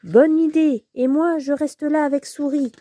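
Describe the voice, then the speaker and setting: A woman voicing a friendly young male bear cub in a storybook, slow and plaintive. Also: high-pitched, fairly even intonation, mellow. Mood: gentle.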